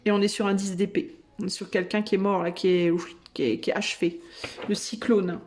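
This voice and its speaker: A woman giving a channeled tarot reading to her viewers, thinking aloud and breaking into excited exclamations. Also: mid-range voice, brisk, a little hiss or hum. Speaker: tarot reader and medium.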